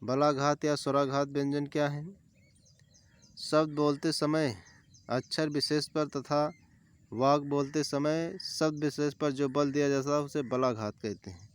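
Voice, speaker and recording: A man's voice: fairly high pitch, steady tone, measured pace, clean tone. A man teaching an exam-prep grammar lesson, explaining step by step and repeating key terms with lists of examples.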